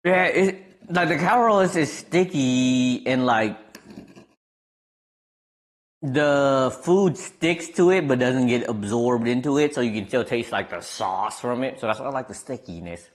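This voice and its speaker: With a medium-pitched voice and an unhurried pace, this young man from Wisconsin chats casually with his stream. His Midwestern American accent carries a relaxed, meandering style packed with fillers, and he livens up when he finds something funny.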